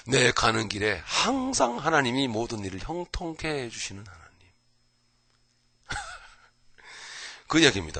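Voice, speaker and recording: Animated Korean pastor, bright dry voice. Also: male voice, lowish voice, slightly rough, no echo. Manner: animated, mimics people with sudden loud outbursts and whispers; folksy, asks listeners "right?" often. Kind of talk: early morning Bible lecture.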